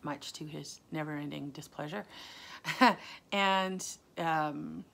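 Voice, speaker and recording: On her solo knitting podcast, a woman rambles casually, full of ums and self-corrections, and a lingering chest cough keeps surfacing. Her voice is deep, gravelly and a bit bright, and she goes slowly.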